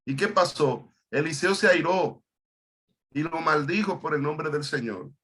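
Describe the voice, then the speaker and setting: A man's voice: on the high side, unhurried, fairly bright tone, breathy edge. A male pastor leading an online Bible study, stopping often and repeating words as he explains Hebrew terms.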